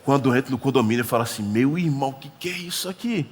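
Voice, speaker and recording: A man's voice: mid-range voice, lively intonation, rapid-fire. A male pastor preaching a sermon, telling a story with acted-out dialogue and humorous asides. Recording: church hall reverb.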